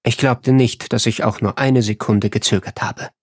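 A man reading a first-person story aloud in an even, measured way. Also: medium pitch, no room sound, clean studio sound. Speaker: audiobook narrator. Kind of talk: first-person scripted narration.

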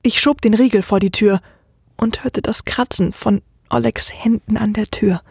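A woman narrating a scripted first-person horror story in a measured way. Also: mid-range voice, steady tone, gravelly, a little mellow, husky, dry recording, studio quality.

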